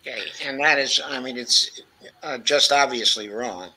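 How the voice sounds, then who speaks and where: A man's voice: mid-range voice, moderate pace, pushed and bright, low-quality recording. A man joining a casual political discussion over a video call, emphatic, dropping in "okay" asides. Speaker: guest.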